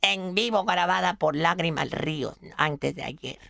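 Milagritos, a fussy gravelly old lady. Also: high-pitched, measured pace, bright, forceful tone, no room sound, studio quality, exaggerated voice. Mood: storytelling. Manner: fretful, pious exclamations, calls people "mi amor". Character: fussy old woman storyteller, prim and easily shocked. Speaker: recurring character on a radio comedy show. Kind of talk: radio comedy sketch.

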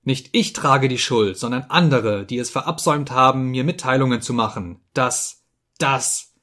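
Man reading a touchy young clerk, sharp and loud, easily offended. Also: mid-range voice, moderate pace. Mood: indignant. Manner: sharp, raised, agitated delivery.

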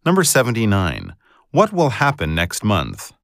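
A man reading scripted exam questions as a test narrator, formal and clearly enunciated. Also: on the low side, huge pitch swings, unhurried, fairly bright tone, no echo, studio quality.

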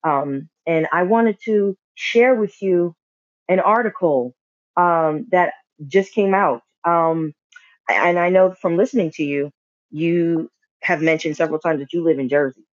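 A man's voice: fairly high pitch, unhurried, dry recording. A man leaving a friendly, rambling voicemail for a podcast host as a listener, with many fillers. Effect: voicemail message. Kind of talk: casual spoken message. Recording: muffled dry voicemail line.

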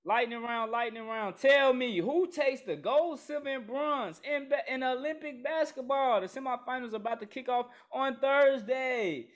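Casting note: man, high voice, excitable host of a casual sports podcast. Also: normal speed, hardly any pauses. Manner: excitable, calls out segments.

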